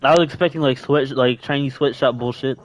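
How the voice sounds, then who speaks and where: A man's voice: mid-range voice, steady tone, brisk, slight background noise. A young man co-hosting a podcast, chatting in an easygoing, rambling, self-deprecating way. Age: young adult. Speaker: podcast co-host. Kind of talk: casual chat.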